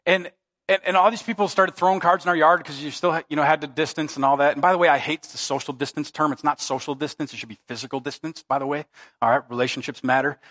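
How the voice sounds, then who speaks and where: Man, middle-aged, pastor, emphatic conversational sermon, church, somewhat high voice. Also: fairly even intonation, fast talker, a bit bright. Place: church sanctuary.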